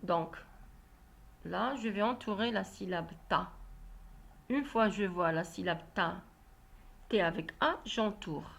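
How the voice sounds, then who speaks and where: A woman teacher talks young children through reading exercises at a slow, deliberate pace. She spells out each instruction clearly and repeats it so no one is left behind. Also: mid-range voice. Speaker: primary school teacher. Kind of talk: reading lesson walkthrough.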